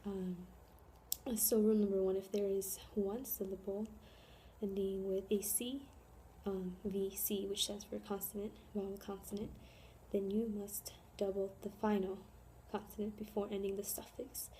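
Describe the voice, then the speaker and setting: A woman's voice: mid-range voice, little pitch movement, normal speed, mellow, a little hiss or hum. A young woman raised in Chicago, with an American accent, giving an earnest class presentation on grammar with frequent ums. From born in South Korea, raised in Chicago. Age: young adult. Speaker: student presenter.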